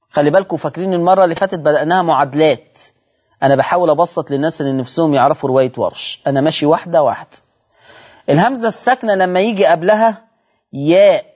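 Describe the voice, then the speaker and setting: Male Egyptian TV recitation teacher, slightly high pitch; patient, repetitive, step-by-step explainer who quizzes viewers. Dull lo-fi broadcast audio. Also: darkish tone. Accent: Egyptian Arabic. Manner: explains step by step, repeats points, asks viewers rhetorical questions. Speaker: Quran recitation teacher and show host. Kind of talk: televised Quran recitation lesson.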